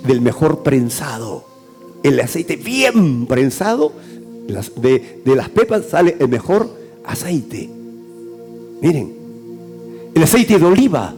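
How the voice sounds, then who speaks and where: A middle-aged pastor, preaching a sermon that swells loud and drops to hushed phrases. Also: male voice, high voice. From Peru.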